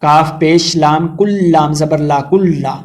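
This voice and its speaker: This fairly high-pitched man, with a Pakistani Urdu accent, guides listeners through Quran recitation one step at a time. He spells letters aloud and slowly chants verses, breaking in with brief explanations.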